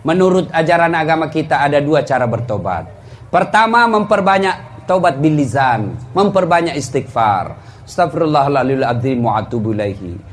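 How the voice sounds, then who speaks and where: Male preacher, high-pitched, comic storyteller who swings from booming to hushed, faint background noise. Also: expressive, moderate pace. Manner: humorous storytelling, jumps from loud exclaiming to low confiding tones. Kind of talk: comedic sermon. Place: before a live congregation.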